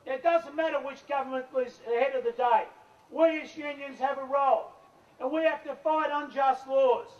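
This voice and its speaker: A man's voice: extremely high pitch, steady tone, normal speed. An Australian man, a union leader, delivering a fiery, impassioned rally speech at a protest, heard as a played-back archive recording. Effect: played-back archive recording with a dull, lo-fi sound. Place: outdoor protest. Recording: dull lo-fi archive recording, distant from the mic.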